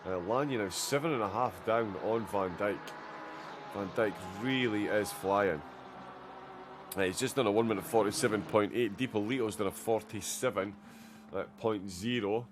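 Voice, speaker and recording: A man with a lowish voice, talking at normal speed, provides live commentary for a sim racing endurance stream. He chats and reacts to the action, often hesitating with "uh," and the background is noisy.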